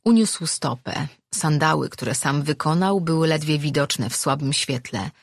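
A woman reads a fantasy novel aloud in even, measured storytelling. Her voice is low and husky. The recording is dry and close, with no room sound. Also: dry recording. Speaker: narrator. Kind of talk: audiobook reading.

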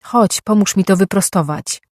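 A narrator voicing a wary, sharp-tongued young woman who gives brisk directions in a slightly raised voice. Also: mid-range voice, dry recording, studio quality, pitched above the performer's own voice, lightly acted. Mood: urgent.

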